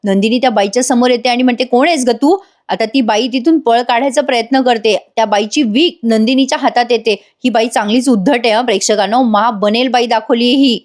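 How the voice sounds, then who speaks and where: A woman's voice: a little high, brisk, hardly any pauses. A woman narrating a voice-over recap of a TV serial episode, chatting directly to her viewers. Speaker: TV serial reviewer.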